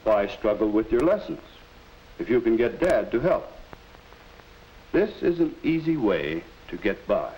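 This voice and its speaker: A man acting as a middle-aged schoolteacher in a 1950s educational film, speaking like a narrator of that era in a measured, didactic way. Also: fairly low pitch, sing-song, a little mellow, poor audio. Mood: instructive. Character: kindly, instructive male schoolteacher in a 1950s film. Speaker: teacher advising a student. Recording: hissy old 1950s film soundtrack.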